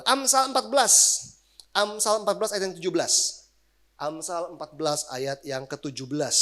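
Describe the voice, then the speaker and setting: A man, a pastor giving a casual sermon, animated and slangy in his asides. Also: fairly high pitch.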